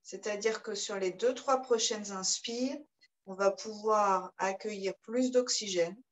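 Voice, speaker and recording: A woman leads a yoga session in a calm, guiding voice. Between cues she chants short, rhythmic breath sounds, keeping the class moving. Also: medium pitch, measured pace, poor audio. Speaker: yoga teacher. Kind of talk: guided yoga class instruction.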